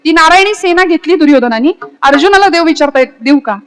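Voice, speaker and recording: A woman from Maharashtra gives a devotional kirtan sermon in a high, ringing voice. She moves from story to quoted verse and throws rhetorical questions at her listeners. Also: fast talker, fairly bright tone. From Maharashtra, India. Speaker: kirtan preacher.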